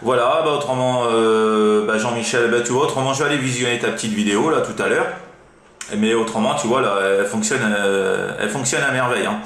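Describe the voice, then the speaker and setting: A Frenchman chats casually over CB radio, his mid-range voice a little fast and slightly bright. He rambles and hesitates, piling on verbal tags in this relaxed amateur radio talk. The recording has a roomy echo and faint background noise.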